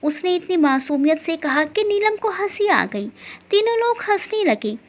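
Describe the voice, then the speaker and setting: A woman reading a family story aloud as its narrator, expressive and scripted. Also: very high-pitched, normal speed. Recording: dull lo-fi recording.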